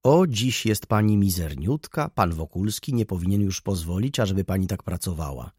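A sly shopkeeper woman who gossips in a sweetly insinuating tone, as a male narrator voices her. The voice is husky, set a little higher than his own low one, and lively in pitch. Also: moderate pace, no room sound, clean studio sound. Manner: sugary, insinuating.

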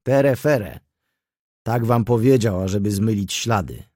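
A man's voice: lowish voice, unhurried, mellow, no echo, studio quality. A man voicing an indignant older male councillor who fires off heated rhetorical questions, in an audiobook reading.

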